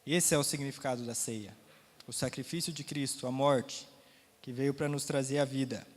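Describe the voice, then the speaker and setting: A man's voice: medium pitch, fairly even intonation, normal speed, in a large hall. A man with a Brazilian Portuguese accent teaching a Sunday school Bible lesson, talking casually, quizzing the class, his throat a little sore.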